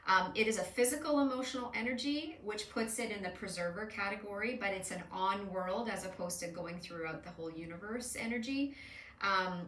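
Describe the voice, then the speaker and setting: A woman's voice: medium pitch, a bit bright, a little hiss or hum. Chatty woman in an echoey room. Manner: chatty, explanatory, with frequent fillers and restarts. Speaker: host doing card readings with an AI. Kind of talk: casual spoken reading. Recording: echoey room, somewhat far from mic.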